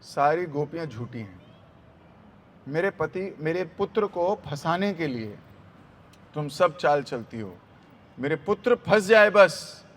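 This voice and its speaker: A man voicing a proud mother who calmly and slowly dismisses complaints about her son. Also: fairly high pitch, slight background noise. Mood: dismissive.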